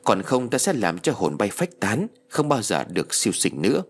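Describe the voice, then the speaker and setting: A man voicing a kindly, wise old sorcerer in a read-aloud ghost story, speaking slowly and gently with a husky voice. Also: fairly low pitch, sing-song. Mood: solemn. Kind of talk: storybook reading.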